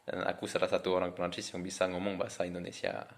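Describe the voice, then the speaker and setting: Low-voiced French man speaking Indonesian as foreigner. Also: completely flat delivery, fast talker. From France. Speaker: vlogger introducing himself. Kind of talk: casual talk to camera.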